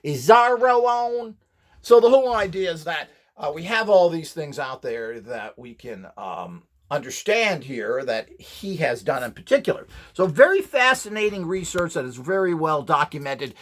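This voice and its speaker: This man's voice is a little high and sing-song, at a moderate pace. Presenting a build tutorial as an instructor, he lectures informally and rambles, voicing blunt opinions and sarcastic asides.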